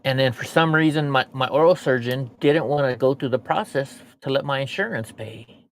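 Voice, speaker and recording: A man speaks at a moderate pace in a medium pitch. He's an American streamer and host with missing front teeth, casually and bluntly venting to viewers in a profane, rambling monologue.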